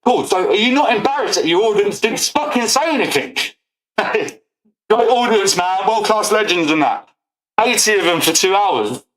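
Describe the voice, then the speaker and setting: A man's voice: sits high, expressive, normal speed, a bit bright, reverberant, poor audio. A man, ranting profanely on a livestream and laughing often. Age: 40s. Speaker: streamer. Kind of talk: livestream rant.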